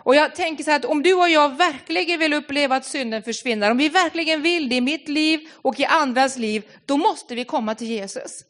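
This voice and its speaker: A woman's voice: high voice, few pauses, fairly bright tone. A woman preaching a sermon, earnest and personal, often repeating words as she searches for the next phrase.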